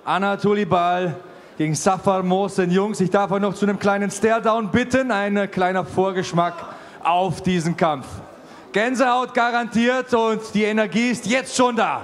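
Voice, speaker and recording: A man in his forties hosts a fight event interview, talking fluently and building hype for the bout. His voice is pitched notably high for a man. He speaks into a handheld mic at an indoor venue. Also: normal speed, a little hiss or hum. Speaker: host and commentator.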